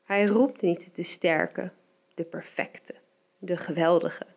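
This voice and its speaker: A woman giving a calm, measured Bible meditation, slowing down for emphasis. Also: lowish voice, creaky. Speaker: devotional speaker.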